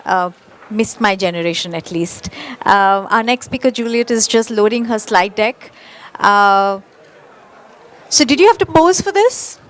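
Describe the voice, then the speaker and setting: A woman moderating a conference panel, measured and full of uhs as she introduces speakers. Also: medium pitch, animated.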